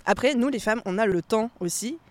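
A woman co-hosting a podcast in casual chat, animated and dropping English slang words into her talk. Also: on the high side, a little fast, dry recording. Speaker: podcast co-host.

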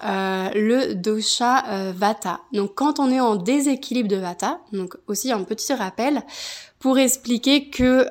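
A woman from France hosting a podcast, explaining things in an informal way. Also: mid-range voice. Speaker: podcast host, yoga teacher.

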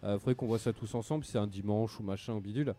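A man's voice: lowish voice, rapid-fire, warm tone. A man hosting a casual radio show about video games, slangy and rambling with lots of fillers. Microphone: studio microphone.

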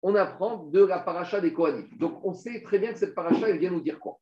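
A man with a high-pitched, mellow voice talks quickly while teaching a Talmud class. He reads Aramaic passages and explains them step by step, posing questions and answering them himself. The recording is dull and echoey, made in a room.

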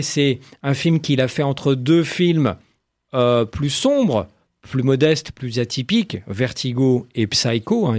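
A man giving enthusiastic film commentary, animated and full of exclamations and quick asides. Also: medium pitch.

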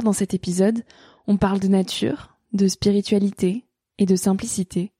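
A woman hosts a podcast, reading her narration and translations in a calm, measured, earnest way. Her voice is soft and mellow at a middle pitch. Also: slightly rough, dry recording, studio quality. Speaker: podcast host. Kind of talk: scripted narration and voice-over translation.

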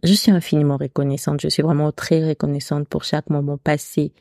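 On her solo podcast, a woman with a non-standard French accent chats casually and haltingly, restarting often. Her dark voice sits low with little pitch movement, runs a little fast, and has vocal fry. The sound is clean studio audio without echo.

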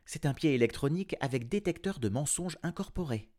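A man voicing a fiery young princess in a children's storybook, high-pitched and shrill. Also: animated, brisk, mellow, natural voice. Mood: confessing.

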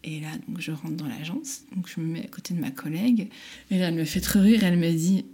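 A woman's voice: on the low side, steady tone, fast talker, mellow, breathy edge. A woman in her thirties telling a personal story candidly and with animation, acting out the voices in it and laughing often.

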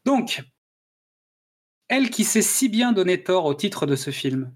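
A man's voice: high voice, big pitch swings, unhurried. Hesitant man hosting a film podcast. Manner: hesitant, many "euh" and restarts. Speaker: podcast host. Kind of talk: casual film-review podcast chat.

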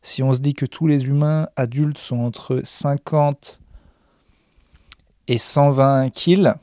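A stand-up comedian rambling backstage in a self-mocking vlog monologue, full of hesitations, into a handheld recorder. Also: male voice, medium pitch, steady tone, takes it slowly, mellow, dry recording, clean studio sound. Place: backstage room of a comedy club.

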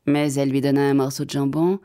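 A woman narrating a children's fairy tale in an expressive, measured way. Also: very deep voice. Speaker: storyteller.

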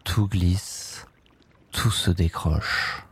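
A man leading a guided sleep meditation, speaking softly and calmly in drawn-out phrases with long pauses. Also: low-pitched, slightly rough. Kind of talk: slow guided relaxation script.

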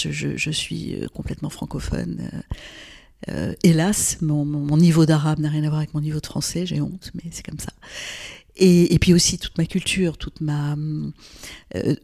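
This older woman from Lebanon has a deep, gravelly voice with a dark tone. A gynecologist being interviewed, she reflects thoughtfully on her answers, often hesitating and starting over.

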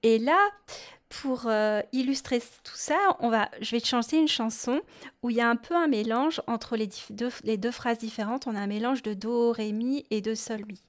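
A woman's voice: fairly high pitch, moderate pace. A woman hosting a podcast, explaining music lessons for children patiently and step by step, with hesitant fillers as she thinks. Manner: patient, explains step by step, addresses the listener informally. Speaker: podcast host and music teacher.

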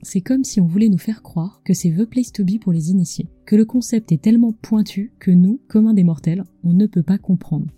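Bright woman storyteller, close in the ear. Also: mid-range voice, a little fast, few pauses, husky, dry recording, soft background music. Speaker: podcast host, culinary storyteller. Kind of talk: scripted storytelling narration. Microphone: close microphone with acoustic screen.

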